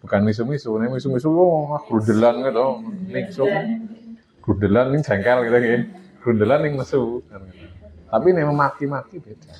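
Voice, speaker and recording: A man's voice: mid-range voice, a little fast, a crowd in the background. A man with a Javanese accent giving a casual religious lesson to a study group, often chuckling and acting out everyday dialogue. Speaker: religious teacher. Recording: dull lo-fi recording with faint hiss.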